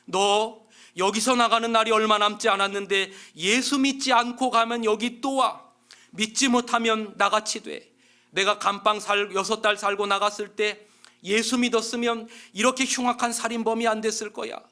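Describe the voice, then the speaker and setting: A male pastor voicing a condemned male murderer who preaches to fellow inmates in a rough, scolding way. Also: high-pitched, fairly quick, hardly any pauses. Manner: rough, scolding, shouting commands.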